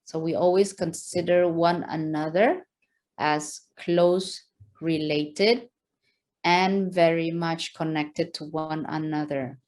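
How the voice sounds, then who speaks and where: This woman's voice sits low and a bit dark, with a steady tone and an unhurried delivery. She is a guest lecturer from West Java with an Indonesian accent who quizzes her listeners, leans on a rhetorical "right?" again and again, and laughs a lot in her enthusiasm.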